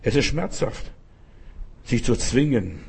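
Husky-voiced preacher. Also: male voice, mid-range voice, expressive, slow pace, a little mellow. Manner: emphatic, repeats phrases, addresses listener as du. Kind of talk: sermon.

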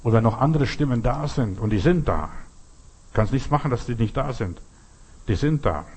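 A man's voice: medium pitch, lively intonation, moderate pace, darkish tone, slightly rough. A man preaching a sermon in an earnest, repetitive way, speaking straight to his listeners.

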